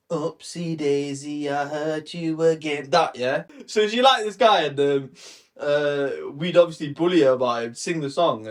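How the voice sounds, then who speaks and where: Young man, podcast co-host, casual banter, playful, sings snippets. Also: mid-range voice. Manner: animated, joking, breaks into sung snippets. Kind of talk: casual chat.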